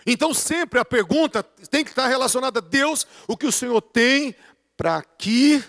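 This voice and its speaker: A male pastor preaches an earnest, emphatic sermon. His voice sits high, and his delivery rises and falls. A long reverb trails each phrase, as in a big hall. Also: fairly bright tone. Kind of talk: sermon teaching.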